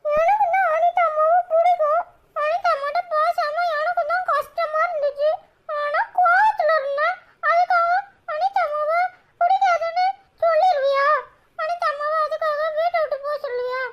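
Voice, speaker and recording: A woman's voice: very high-pitched, fairly even intonation, normal speed, highs cut off. A woman voicing a young boy in a cartoon, loyal to his mother and defiant, speaking with a Tirunelveli Tamil accent. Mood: pleading. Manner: defiant, cries and pleads by turns. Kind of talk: cartoon voice acting.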